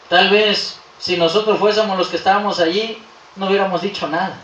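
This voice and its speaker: A man preaching a Sunday sermon as pastor, impassioned, swinging between loud peaks and soft, low asides. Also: slight background noise. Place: church sanctuary. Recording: roomy church hall, voice from a distance.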